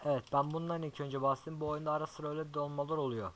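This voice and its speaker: A young man giving casual gameplay commentary as a YouTuber, chatty and swearing often, talking softly to his horse now and then. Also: a little high, level tone, racing, slight background noise, poor audio. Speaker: gaming YouTuber.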